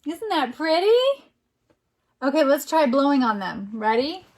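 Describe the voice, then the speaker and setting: A teacher reads a picture book aloud to a young child in an interactive storytime, her delivery encouraging and full of exclamations. Her voice is high-pitched and animated, at a measured pace.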